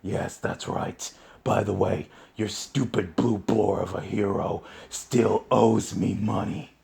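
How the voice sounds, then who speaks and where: A man voicing a big, boastful, brutish turtle king with a gravelly voice. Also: lowish voice, steady tone, slow pace, mellow, heavily acted.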